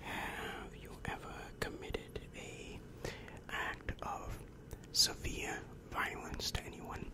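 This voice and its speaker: A young adult man performs an ASMR roleplay as a demon counselor, whispering breathily and asking soft questions very close to the microphone. His questioning is slow and measured, recorded in a small, dim indoor room on a large mic right by his mouth.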